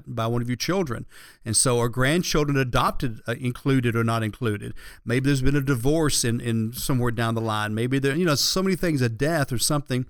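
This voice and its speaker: A man's voice: mid-range voice, no echo. Dry-sounding man giving conversational advice. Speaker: radio show host, financial planner.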